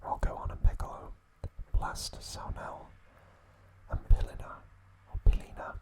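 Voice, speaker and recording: An ASMR channel host, a man, recaps a story in a soft, unvoiced whisper, pausing hesitantly again and again.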